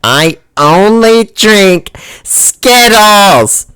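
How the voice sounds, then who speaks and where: A man voicing a young boy, a menacing cringe kid who talks slowly and ominously. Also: high voice, lively intonation, bright, forceful tone, clear, resonant tone, no echo, voice pushed up, heavily acted.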